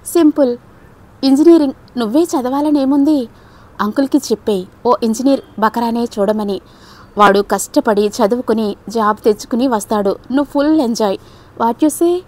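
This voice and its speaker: A mischievous young woman from an audiobook story, teasing her friends with bright, bouncy lines, as a woman reader puts her on. The voice sits fairly high and lifts higher on each joke. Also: normal speed, close to an everyday voice. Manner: mischievous, lively, pitched up when joking.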